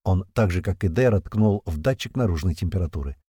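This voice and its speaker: A man narrating a tense first-person audiobook, with swearing and lively storytelling. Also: deep voice, fairly quick, breathy edge, dry recording, studio quality.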